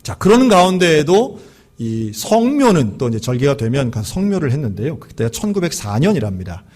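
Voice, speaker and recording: Pastor guy telling a story in his sermon, voice jumps all over, kinda husky, does the characters' lines himself. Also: fairly high pitch. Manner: lively storyteller acting out dialogue.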